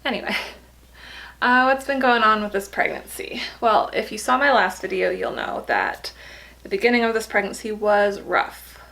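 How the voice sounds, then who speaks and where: A woman's voice: mid-range voice, expressive, normal speed, gravelly, a bit bright, low-quality recording. A tired, pregnant young woman giving a casual vlog update, chatty and laughing often. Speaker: vlogger.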